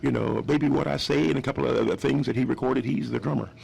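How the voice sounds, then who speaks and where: A man's voice: mid-range voice, fairly even intonation, fast, vocal fry, darkish tone, a little hiss or hum. A man in his fifties from West Virginia telling stories as a guest on a radio interview, rambling and restarting his sentences often. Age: 50s. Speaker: guest musician.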